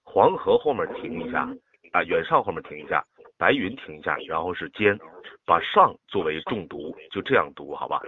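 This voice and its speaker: A man teaching a child to recite a poem over a phone call, patient and drawing words out slowly to demonstrate. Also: low voice, sing-song. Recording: tinny phone line.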